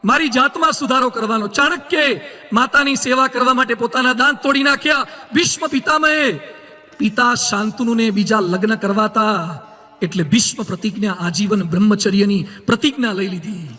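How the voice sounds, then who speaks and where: High-voiced bright male monk preaching. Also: normal speed, big-room sound. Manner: humorous storytelling, emphatic moral points. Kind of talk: sermon.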